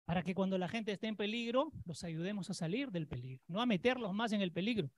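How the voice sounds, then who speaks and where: A preacher giving a sermon, urging and commanding the listeners and mocking their excuses with whiny imitations. The voice swings between loud emphasis and a lowered tone. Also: lively intonation, fast talker, no echo. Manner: mocks people by imitating their whining.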